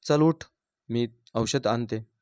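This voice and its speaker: A man voicing a jealous, sharp-tongued young sister-in-law who taunts and scorns. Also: medium pitch, slow, clean tone, no echo, clean studio sound, lightly acted. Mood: remorseful.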